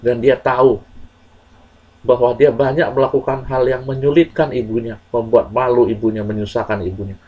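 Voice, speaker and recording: A man telling a moral story to children in a slow, earnest, measured way with pauses. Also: mid-range voice, steady tone, mellow, breathy edge, rough recording.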